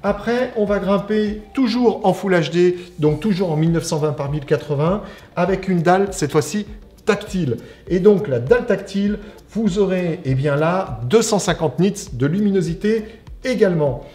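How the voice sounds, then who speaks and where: A man's voice: sits high, normal speed, mellow. A man from an IT company giving a casual, chatty unboxing review, explaining as he goes. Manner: chatty, explanatory, frequent "alors" and "on va dire". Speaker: IT company presenter.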